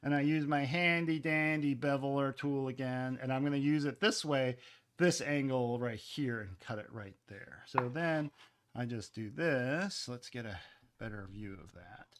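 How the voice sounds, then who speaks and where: A man's voice: medium pitch, a little slow. A man demonstrating pottery in his studio on a live stream, talking in a casual, chatty way with lots of fillers and asides. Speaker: ceramics teacher.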